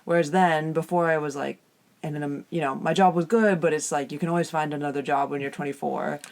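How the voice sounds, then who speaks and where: A Canadian woman in her thirties with a slightly husky voice, chatting casually as a podcast co-host inside a small, soft-furnished caravan. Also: low-pitched, steady tone, a little fast. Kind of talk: casual conversational podcast chat.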